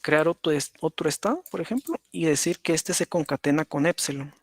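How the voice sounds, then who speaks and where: The automata lecture comes from a man at his computer who speaks briskly and animatedly with a fairly high voice, sketching as he explains each step. Checking in with "¿verdad?" and repeating "por ejemplo," he's captured on a dry recording.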